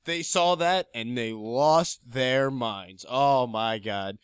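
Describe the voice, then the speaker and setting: A young man from New Jersey casually telling a story on a podcast, acting out officers in a lower, quieter voice. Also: slow pace, clean tone, dry recording, clean studio sound. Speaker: podcast co-host.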